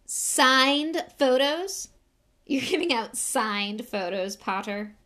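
A woman voicing a scornful schoolboy bully from a storybook, loud, mocking and scathing. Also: extremely high pitch, huge pitch swings, a little slow, voice pushed up, full character voice.

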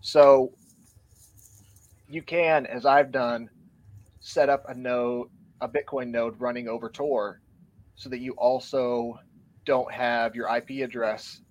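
A man's voice: mid-range voice, fairly even intonation, takes it slowly, pauses often, muffled recording. Earnest man explaining, a bit breathless. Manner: earnest, explanatory, reads from show notes. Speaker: podcast guest. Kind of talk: casual podcast discussion.

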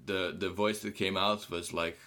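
A young Ukrainian musician with a Ukrainian accent chats as a podcast guest, rambling and correcting himself with wry humor. His voice is low-pitched and steady, sharp in tone, at a moderate pace.

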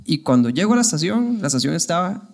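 A Costa Rican man in his twenties telling a story casually, full of slang and quick laughs. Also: a little high, sing-song, gravelly. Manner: rapid, slangy, laughs often.

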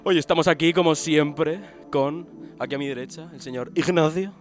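Brief: young male podcast host, soft near-whisper delivery, faint music underneath. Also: moderate pace. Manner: soft-spoken, low-key. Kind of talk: casual chat.

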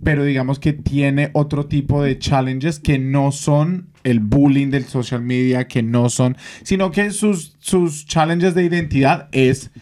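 A man's voice: mid-range voice, fairly even intonation, measured pace, few pauses, darkish tone. Reflective man on a podcast. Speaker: podcast co-host. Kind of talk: casual chat.

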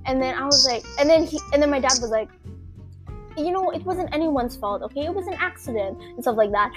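High-voiced Filipino woman telling a story. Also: a little fast, faint music behind. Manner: animated, acts out quoted people, many fillers. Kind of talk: casual chat, storytelling.

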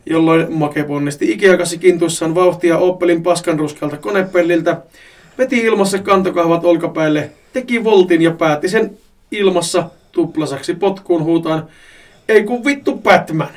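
A man reads a crude comic story aloud on a podcast and plays up the jokes. His voice sits a little high, and he sounds slightly distant from the microphone. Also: darkish tone. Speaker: podcast co-host reading a story.

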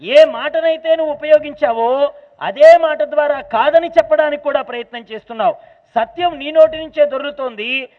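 A man giving a devotional sermon, telling a sacred story expressively and asking rhetorical questions. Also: very high voice. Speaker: pravachanam speaker. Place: large temple hall. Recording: tinny phone-like sound in a reverberant hall.

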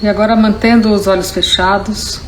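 A woman's voice: medium pitch, level tone, slight background noise, rough recording. Brazilian woman guiding meditation, insects chirping behind. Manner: slow short instructions with long pauses. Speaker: meditation instructor. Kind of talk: guided meditation and relaxation instruction.

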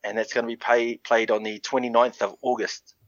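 A man hosting a casual rugby podcast in a matey, relaxed way. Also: mid-range voice, fairly quick, no echo. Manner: relaxed, matey, calls guests brother. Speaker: podcast host. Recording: dull lo-fi audio.

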